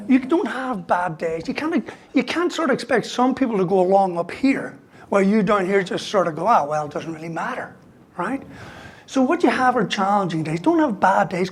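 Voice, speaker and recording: A man's voice: high-pitched, sing-song, moderate pace, slightly rough. A man giving a humorous motivational talk as a university lecturer, asking "right?" after most points. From Ireland. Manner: joking, ends lines with "right?".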